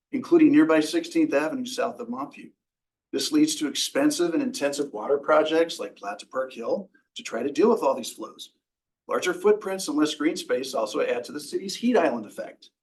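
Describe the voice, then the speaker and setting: A man's voice: fairly high pitch, poor audio. A middle-aged man from Denver reading prepared public comment at a hearing, earnest, with small restarts. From Denver, Colorado. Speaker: resident giving public comment.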